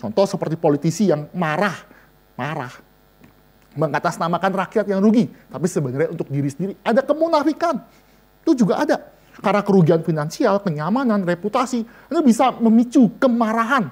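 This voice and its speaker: A man preaching a lively Bible study sermon, joking and speaking straight to his listeners. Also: high-pitched, brisk. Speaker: vicar preaching to a women's and seniors' Bible study.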